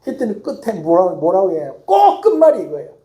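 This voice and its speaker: A man's voice: sits high, wildly swooping pitch, fairly quick, warm tone. A middle-aged man preaching a Sunday sermon as pastor, emphatic, acting out little dialogues. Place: church sanctuary. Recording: echoey church hall.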